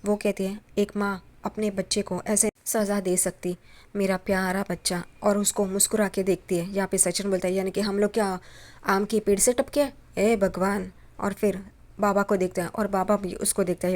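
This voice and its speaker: A woman's voice: medium pitch, darkish tone. A woman casually retelling a TV serial episode, jumping into the characters' quoted lines with a raised voice. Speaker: TV serial recap narrator. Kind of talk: casual spoken episode recap.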